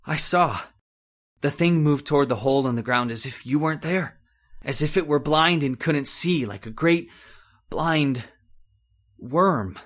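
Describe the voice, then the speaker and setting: In an old-time radio horror monologue, an actor plays a terrified, guilt-ridden man losing his sanity, with a halting, repetitive, melodramatic delivery. His voice is on the high side and a bit bright, and the mood is grim despair.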